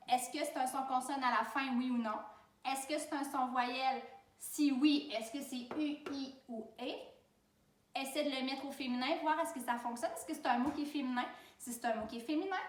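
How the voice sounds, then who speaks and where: A woman's voice: high-pitched, far from the mic. A woman with a Québécois French accent teaching children to spell, patient and step by step, speaking straight to the child. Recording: roomy sound from away from the mic.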